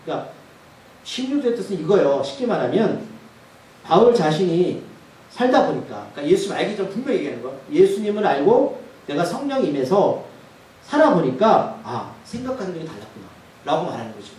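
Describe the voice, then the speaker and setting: A man's voice: high voice, big pitch swings, a little fast, mellow. A male pastor preaching a sermon, often putting questions to the congregation. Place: church sanctuary. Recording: echoey church hall from far off.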